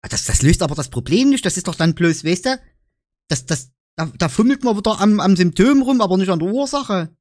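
With a high-sitting, animated, darkish voice moving briskly, a YouTuber with a Saxon German accent jokes through a casual vlog. He explains dialect words and often adds "ne?", captured as a dry, clean studio recording.

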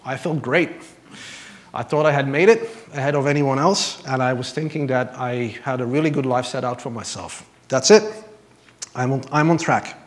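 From a church stage, a thirtysomething church member from Belgium shares his faith testimony through a lapel mic. He's earnest with a touch of self-deprecation, and his voice is medium-pitched at normal speed.

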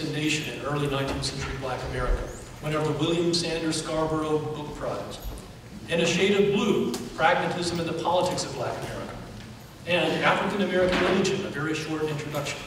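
Man, event host, formal read introduction, distant mic, clear room noise. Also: on the high side. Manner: formal, reads from notes. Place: large lecture hall. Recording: echoey hall recorded from far off.

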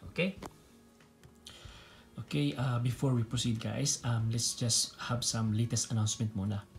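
A man's voice: medium pitch, steady tone, normal speed, gravelly, faint music behind. A man in his thirties with a Filipino accent and Bisaya as his native language, mixing Tagalog and English as he explains things in a casual instructional vlog. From Philippines. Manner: mixes Tagalog and English (Taglish). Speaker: nurse educator, video host. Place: small room indoors.

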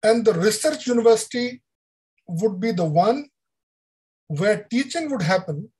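An older man with an Indian English accent giving an online lecture over a video call, explaining deliberately with frequent fillers. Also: high-pitched, lively intonation, darkish tone, breathy edge, low-quality recording. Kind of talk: online lecture on education policy.

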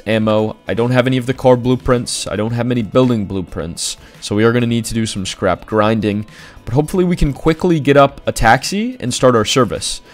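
A young man hosting a gaming video, mixing casual chat with narration. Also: mid-range voice. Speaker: video creator, host.

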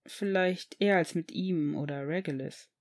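A woman reading the lines of a cheerful, friendly young man who runs a shop, in a gentle, reassuring tone. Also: on the low side, normal speed, voice pushed down, close to an everyday voice. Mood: earnest.

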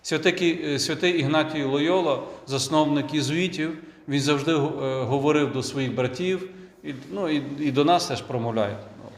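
Priest preaching in a church, kinda high voice, lots of questions to the crowd, big echo. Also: male voice, normal speed. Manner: conversational, with rhetorical questions and restarts. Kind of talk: sermon. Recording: echoey church with long reverb.

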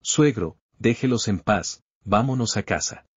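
A man's voice: on the low side, animated, measured pace, slightly rough, no echo, muffled recording. A man voicing a cheeky young male hero, a humble son-in-law in a manhwa recap, talking in a casual, joking, slangy way. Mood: cocky.

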